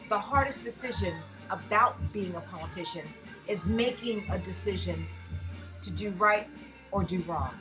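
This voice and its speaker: A woman's voice: mid-range voice, poor audio. An American woman in a casual personal rant, speaking frankly with heavy swearing and emphatic rhetorical questions. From United States. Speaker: vlogger, self-described erotic artist.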